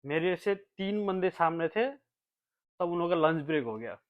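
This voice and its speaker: A man's voice: lively intonation, moderate pace. Young man from Nepal, casual vlog storytelling, rambling and repetitive, tinny phone-like sound. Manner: rambling, repeats himself, talks low when quoting others. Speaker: vlogger.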